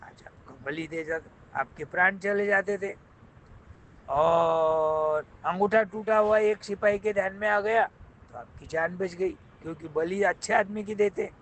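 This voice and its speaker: A man voicing a wise, calm prime minister in a told folk tale, patiently explaining a lesson. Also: high-pitched, measured pace, rough recording.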